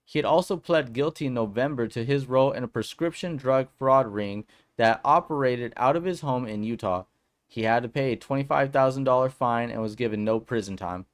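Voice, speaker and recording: A man's voice: mid-range voice, brisk. A man hosting a casual commentary vlog who talks in an upbeat, slangy way and then reads a news article aloud. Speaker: political commentary vlogger.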